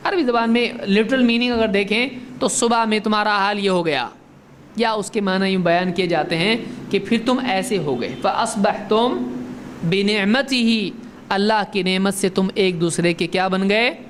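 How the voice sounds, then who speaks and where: A man giving a religious lesson. He asks his listeners questions, answers them himself, and recites Arabic verses slowly. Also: high voice, slight background noise. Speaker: Islamic religious teacher. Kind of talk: religious lecture.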